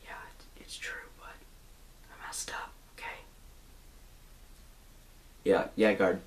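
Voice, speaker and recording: Whispering in a deep voice with little pitch movement, a young adult man speaks slowly as a glum young jailbird in a mockumentary comedy. A camera in a small bedroom records his resigned, rambling delivery, full of hesitant restarts.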